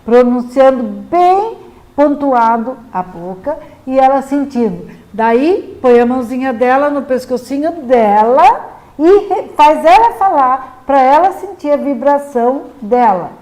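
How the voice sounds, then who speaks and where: High-voiced Brazilian woman teaching parents. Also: expressive, dark tone. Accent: Brazilian Portuguese. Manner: patient, explanatory, models words slowly and clearly. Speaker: literacy teacher advising parents. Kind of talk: instructional talk to parents.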